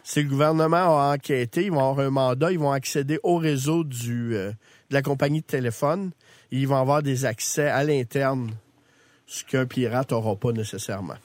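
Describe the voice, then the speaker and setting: A man's voice: mid-range voice, moderate pace, darkish tone, dry recording. A man with a Quebec French accent informally explaining technology as an expert guest on a radio show. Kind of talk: informal explanation, answering callers. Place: radio studio.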